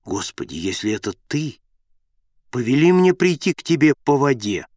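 A man's voice: medium pitch, big pitch swings, moderate pace, a little mellow, no room sound, clean studio sound, natural voice. A man voicing a frightened male disciple in a read-aloud Bible story, in a plain reading voice. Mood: pleading.

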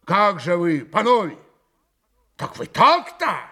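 A man doing a reckless, shouting young carouser. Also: high-pitched, takes it slowly, pitched above the performer's own voice, exaggerated voice. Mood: rowdy, toasting. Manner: shouting, exuberant.

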